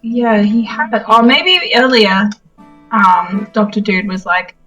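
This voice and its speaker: A young woman co-hosting a let's-play, rambling relaxed and full of "like" as she explores the game. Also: mid-range voice, takes it slowly, recorded from a distance, dull audio, soft background music. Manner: relaxed, rambling, uses "like" a lot. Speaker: co-host playing a game. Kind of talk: casual let's-play chat.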